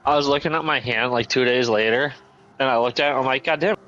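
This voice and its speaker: Chill guy streaming games, lots of laughs, kinda bright voice, dull lo-fi sound. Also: medium pitch, steady tone, quick pace. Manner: laid-back, rambling, laughs often. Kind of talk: casual chat while gaming.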